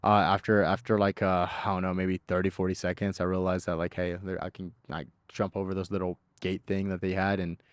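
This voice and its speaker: A man with a low voice recounts what he witnessed in a casual interview. He speaks in slangy, halting bursts, often repeating and restarting a phrase. The sound is dry and close. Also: flat delivery, clear, resonant tone, dry recording. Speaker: eyewitness being interviewed.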